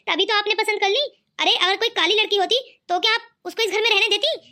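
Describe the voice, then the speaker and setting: A woman's voice: extremely high pitch, fairly quick, pushed and bright. A woman voicing an earnest young man. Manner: earnest, pleading. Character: kind cheerful young man, brother-in-law. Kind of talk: cartoon voice acting.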